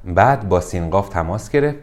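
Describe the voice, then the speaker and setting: Low-voiced man reading a children's story. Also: expressive, a little mellow. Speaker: narrator.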